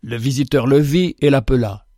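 A man reading a moral tale aloud in a measured, earnest storytelling manner. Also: mid-range voice, mellow, dry recording, studio quality. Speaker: narrator.

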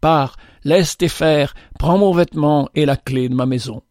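A man's voice: a little high, a little slow, a little mellow, no room sound, studio quality, natural voice. A man voicing a just and generous male benefactor who exclaims in a raised, fervent voice. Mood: joyful, fervent.

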